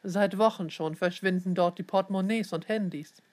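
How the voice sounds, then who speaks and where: A woman voicing a brisk, flustered mother who talks hurriedly, in a storybook reading. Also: medium pitch, a little mellow, close to an everyday voice.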